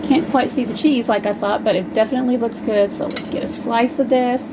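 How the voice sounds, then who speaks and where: A friendly woman talks her way through a home recipe in a loose, rambling style, calling her viewers y'all. Her voice sits a little high for a woman. Faint clatter of dishes and pans comes from her kitchen behind her. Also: fairly even intonation, fairly quick, noisy background. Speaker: home cook, channel host. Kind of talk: casual cooking demonstration.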